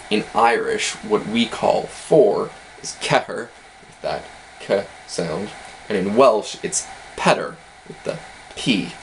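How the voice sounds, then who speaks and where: A man's voice: on the low side, gravelly, a little hiss or hum, poor audio. A man casually explaining language facts in an educational video, hedging with self-deprecating asides.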